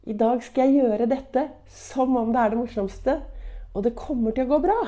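A middle-aged woman talks through a motivational podcast monologue. Her voice sits a little high but sounds mellow and warm. She coaches in an upbeat way and keeps turning to the listener with rhetorical asides. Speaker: podcast host and motivational speaker.

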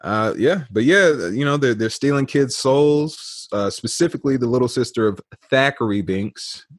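On a casual movie-review podcast, a male co-host jokes with wry asides while discussing a film. He has a medium-pitched, expressive voice at a normal pace, captured with studio quality and no echo.

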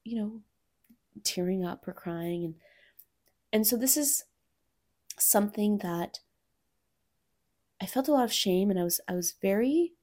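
A woman in her thirties talks candidly on her own podcast. She reflects openly and at a relaxed pace, and at times her voice sinks to a near-whisper before it lifts again. Her pitch sits in the middle for a woman. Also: unhurried, long pauses. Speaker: podcast host and coach for mothers. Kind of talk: personal solo podcast talk.

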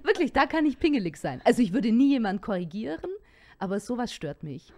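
Brisk and fairly high-pitched, this podcast co-host is a woman in her forties from Germany's Allgäu region, with a light Allgäu accent. She's a lively storyteller who chats freely and laughs a lot.

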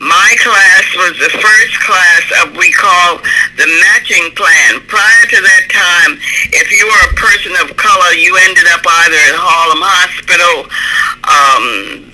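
A woman in her nineties from New York City, a retired doctor calmly recounting her life in an interview. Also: lowish voice, measured pace, rough recording. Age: 90s. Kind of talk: interview reminiscence.

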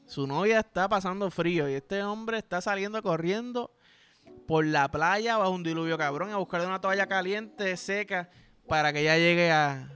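Young Puerto Rican male podcast host, high-pitched, crude and animated storyteller. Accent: Puerto Rican Spanish. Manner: crude, animated, acts out dialogue. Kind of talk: casual storytelling.

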